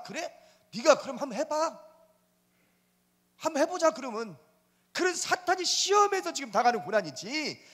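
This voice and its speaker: A man's voice: sits high, a bit bright, slightly rough. A man preaching a Korean sermon, dramatic and emphatic, acting out scripture dialogue and often calling out to the congregation. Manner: dramatic, voices God and Job in turn, addresses the congregation as 여러분. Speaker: pastor. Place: church sanctuary. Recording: church hall reverb.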